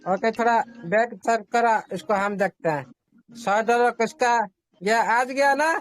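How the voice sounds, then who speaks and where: A man's voice: extremely high pitch, a little slow, fairly bright tone, faint music behind. A man hosting an online group meeting, explaining casually, repeating himself and reassuring the listeners while mixing in English terms.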